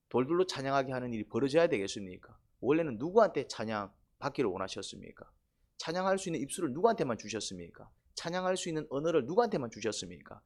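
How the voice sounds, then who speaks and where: A man preaching as pastor at an evening prayer service, emphatic and repetitive, asking rhetorical questions and dropping to quiet asides. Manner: emphatic, asks many rhetorical questions, repeats phrases; swings between loud exhortation and low, quiet asides. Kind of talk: sermon.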